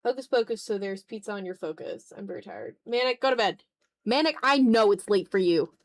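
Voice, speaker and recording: Speaking briskly at a medium pitch, a woman keeps up casual chatter during a live stream where she draws. Her manner is playful and a touch dramatic, with swearing tossed in offhandedly.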